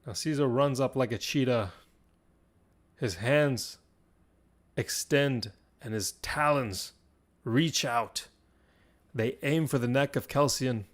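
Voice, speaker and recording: A man narrates an improvised fantasy battle on a livestream, building suspense from line to line. His voice sits at a middle pitch, and he drops into casual chat between the dramatic beats. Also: takes it slowly, long pauses. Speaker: livestream host.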